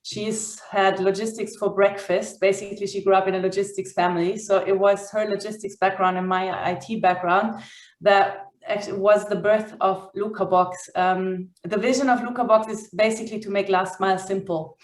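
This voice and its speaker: A woman from Austria, a startup co-founder, speaking on a panel in a brisk, practical way with frequent fillers. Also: mid-range voice, fairly even intonation, roomy sound. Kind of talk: panel talk.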